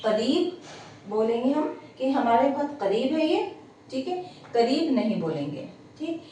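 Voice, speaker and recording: A woman teaching Urdu pronunciation, her voice mellow and a little high. She sounds set back from the mic in a very echoey room with faint hiss behind her. She contrasts right and wrong word forms and keeps checking in. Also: animated, measured pace, far from the mic. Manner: corrects word pairs, repeats "theek hai". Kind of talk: pronunciation lesson.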